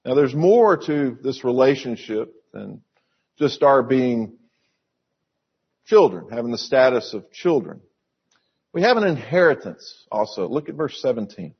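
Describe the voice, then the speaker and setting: A middle-aged man preaching a sermon, telling family stories in an earnest, slow way and repeating key phrases for emphasis. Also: medium pitch, very animated, husky, muffled recording. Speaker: pastor.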